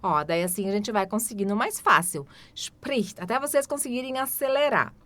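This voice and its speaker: A woman with a Brazilian Portuguese accent teaching an online German lesson, explaining step by step and slowly repeating each German word several times. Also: medium pitch, expressive, a bit bright. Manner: explains step by step with frequent "tá?" and "né?" checks.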